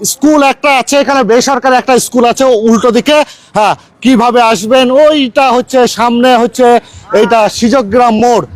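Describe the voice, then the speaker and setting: A man with a strikingly high voice presents a live promotional video. He has a West Bengal Bengali accent. He announces offers like a salesman, repeating key phrases for emphasis. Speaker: on-location presenter and interviewer.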